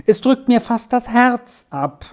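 A woman voicing a worried old housekeeper in a storybook reading, speaking in an anxious, pleading, softly urgent way. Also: fairly high pitch, lively intonation, slow pace, voice pushed up.

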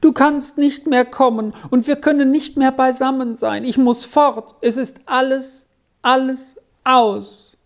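A man reading aloud, voicing a sickly little boy who sobs out his words in a high, strained voice. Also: fairly even intonation, measured pace. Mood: despairing.

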